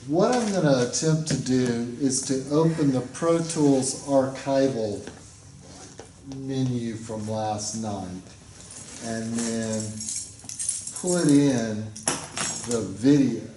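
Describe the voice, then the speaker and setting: A man in middle age lectures a class at an unhurried, meandering pace, his voice low and mellow. The sound is captured from across an echoey classroom with faint room noise underneath. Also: distant mic. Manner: relaxed, rambling explanations with fillers. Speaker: instructor.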